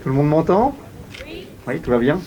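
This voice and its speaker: A man with a French accent, acting as master of ceremonies and giving a measured, formal address into a PA microphone outdoors. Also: on the high side, very animated, warm tone, lo-fi sound. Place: outdoors at a monument.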